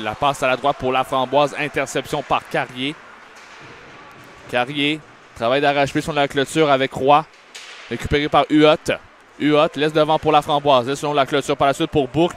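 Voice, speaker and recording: A man with a Quebec French accent giving excited play-by-play hockey commentary, with animated, exclamatory calls. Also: on the high side, normal speed. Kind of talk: excited live sports commentary. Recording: clearly noisy live arena commentary. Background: ice rink ambience.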